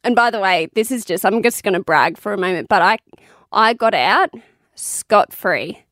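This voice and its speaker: A young woman shares her birth stories in a candid, casual way. She swears freely and breaks into quick laughs. Her voice sits at a middle pitch, recorded close and dry with no room sound. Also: lively intonation, fairly bright tone, no room sound. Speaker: new mother sharing birth experiences.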